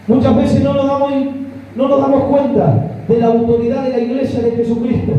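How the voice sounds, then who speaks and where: A man's voice: extremely high pitch, a little hiss or hum. A man with an Argentine accent preaching a fervent sermon to his congregation, calling out to them again and again. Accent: Argentine Spanish. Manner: fervent, repetitive address to the congregation. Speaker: pastor. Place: church hall. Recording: echoey hall from far off, dull.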